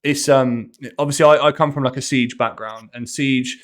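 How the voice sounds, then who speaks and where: A man's voice: medium pitch, normal speed. Chill guy guesting on a podcast, just talking casually, middle voice. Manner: relaxed, agreeable, short affirmations. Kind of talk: casual chat.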